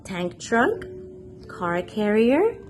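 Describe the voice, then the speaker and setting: Hosting her channel, a storyteller reads a picture book aloud to small children, taking a slow, measured pace while her pitch swings up and down in a lively way. She reads expressively and asks her young listeners questions, with music in the background.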